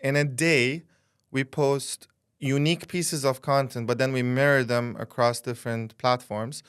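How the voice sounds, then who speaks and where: A man from Dubai hosting a casual interview, asking quick, confident questions. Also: medium pitch, steady tone, fairly bright tone, clean tone. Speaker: host.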